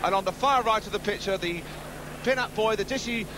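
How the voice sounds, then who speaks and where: A man's voice: sits high, fairly quick, noisy background. A man presenting and commentating on live speedway in punchy, colourful broadcast patter. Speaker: television sports commentator. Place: outdoor stadium commentary position. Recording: 1970s outdoor stadium TV broadcast.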